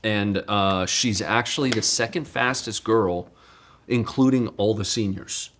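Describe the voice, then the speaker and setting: A middle-aged man from Virginia talks casually as a podcast guest. His voice sits a little low, and he keeps breaking off and starting his sentences over. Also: a bit bright, a little hiss or hum. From Virginia, USA. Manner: halting, frequent restarts. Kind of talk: casual chat.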